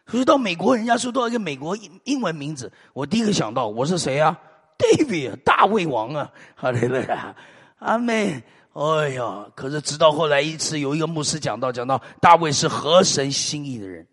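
A middle-aged man from Taiwan, preaching a sermon with lively storytelling and frequent hallelujahs and amens. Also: fairly high pitch, moderate pace, breathy edge, in a large hall.

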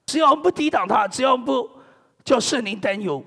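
A middle-aged man from China, a pastor preaching a sermon in an animated, joking way, dropping in amen and hallelujah often. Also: extremely high pitch, fast, gravelly, husky, big-room sound.

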